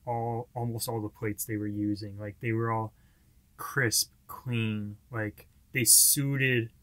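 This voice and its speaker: A man's voice: on the low side, flat delivery, fairly bright tone, dry recording. A young man hosting a reaction video, chatting casually and thinking aloud about what he just watched. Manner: chatty, reflective, drawn-out phrasing. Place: small indoor room with posters.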